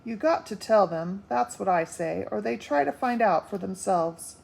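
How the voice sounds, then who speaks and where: A woman voicing a gentle, homely little old man with rustic country grammar. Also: mid-range voice, animated, moderate pace, creaky, poor audio. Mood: reassuring.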